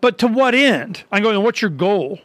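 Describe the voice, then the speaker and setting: A talk show host man with a high, bright voice, chatting loosely and circling back on himself with restarts. The sound is close and dry, with no room around it. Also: very animated, moderate pace, dry recording. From Arizona. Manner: rambling, many restarts and quoted asides. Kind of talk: casual chat.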